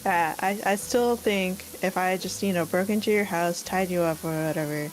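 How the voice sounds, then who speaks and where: A woman's voice: fairly low pitch, moderate pace, a little hiss or hum, poor audio. A young woman co-streamer chatting casually, earnest and rambling with many filler likes.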